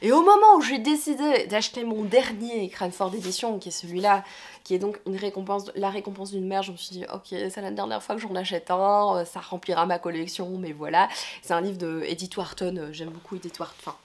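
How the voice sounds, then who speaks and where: A woman's voice: mid-range voice, a little fast, slight background noise. A young woman with a cold and a stuffy voice, chatting hesitantly about her book purchases in a casual vlog. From Belgium. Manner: chatty, hesitant, many fillers and self-corrections. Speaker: book vlogger.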